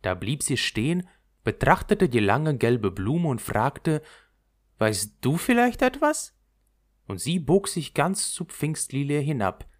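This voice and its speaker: A man reading a fairy tale aloud in an expressive storytelling manner. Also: medium pitch, measured pace. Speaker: narrator.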